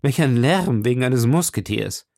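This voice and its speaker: A man reading an audiobook, voicing an irritable, commanding king who speaks imperiously and loudly. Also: medium pitch, animated, normal speed, gravelly, no room sound, studio quality. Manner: imperious, loud, exasperated. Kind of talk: audiobook character voice.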